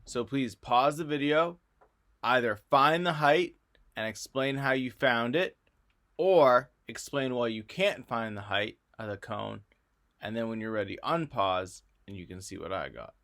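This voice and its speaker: A man's voice: mid-range voice, a little slow, a bit bright. A male math teacher talking through a recorded video lesson in a friendly, explanatory way.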